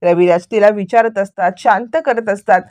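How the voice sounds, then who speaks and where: A woman retelling a television serial episode as a lively, running story recap. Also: medium pitch, moderate pace, dry recording.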